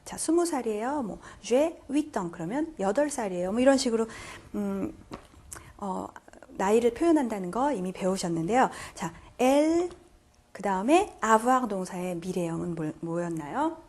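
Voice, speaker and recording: A woman's voice: mid-range voice, animated, unhurried, a little mellow. A woman teaching French grammar in Korean, patiently walking through each step and quizzing her viewers. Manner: patient, repeats "자" to pace steps, quizzes viewers. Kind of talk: classroom grammar lecture.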